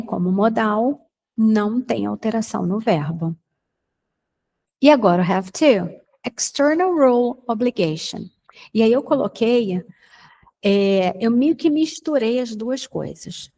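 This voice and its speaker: A Brazilian woman teaching English in a casual recorded lesson, chatting with students and saying model sentences slowly. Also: mid-range voice, vocal fry, dark tone, slightly rough, low-quality recording. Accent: Brazilian Portuguese. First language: Portuguese.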